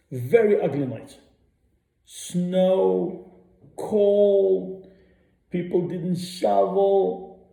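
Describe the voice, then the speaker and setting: A man rants on a radio show, blunt and profane, and he hammers his points again and again. His voice is very dark and sits a little high. The room around him sounds echoey. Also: vocal fry. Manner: blunt, profane, repeats himself. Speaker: radio host. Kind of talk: ranting monologue.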